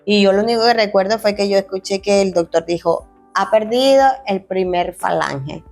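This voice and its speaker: Faint music plays behind a mid-range, slightly mellow female voice speaking at normal speed. She's a young adult ex-athlete who now coaches fitness, and in an interview she earnestly recounts her life, often starting phrases over and performing the dialogue she quotes in an emotional, personal way.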